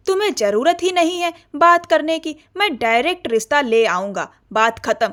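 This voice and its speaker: A woman's voice: high voice, animated, moderate pace, a bit bright. A woman voicing a possessive, commanding young man who speaks in a stern, insistent way in an audio novel.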